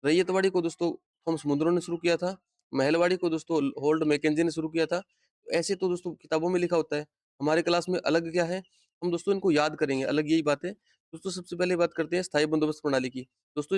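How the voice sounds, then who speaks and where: A man with a fairly high voice teaches an exam-prep history lesson, drilling his points by asking a question and answering it himself. He often calls his viewers friends and repeats each point. The recording is close and dry. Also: a little mellow, no echo.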